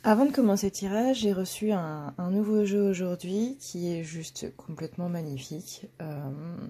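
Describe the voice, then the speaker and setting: This tarot reader has a fairly low, mellow, husky voice and speaks at a moderate pace. Giving a reading for her channel, she's blunt and casual, with lots of fillers and restarts.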